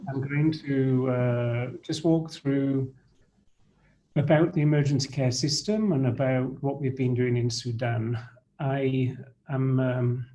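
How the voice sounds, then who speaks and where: A middle-aged man from Britain lectures over a video call in a mellow, darker voice. He talks at a measured pace, often pausing with fillers and restarting phrases. A faint hiss of noise sits behind him. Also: medium pitch, fairly even intonation, low-quality recording. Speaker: guest lecturer. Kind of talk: online lecture.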